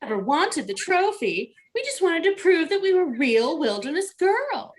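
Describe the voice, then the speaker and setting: Woman acting a very high-voiced glamorous mom. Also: big pitch swings, normal speed. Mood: earnest. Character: glamorous, vain, playful Beverly Hills mother. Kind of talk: live script reading, comedic.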